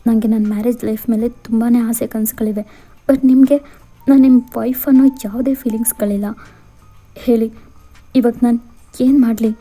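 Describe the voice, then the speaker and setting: A woman's voice: a little high, a little fast, dark tone, soft background music, close to an everyday voice. A woman voicing a stubborn young bride who argues back with emphatic, indignant force. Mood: hurt, upset. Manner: pleading then defiant, emphatic.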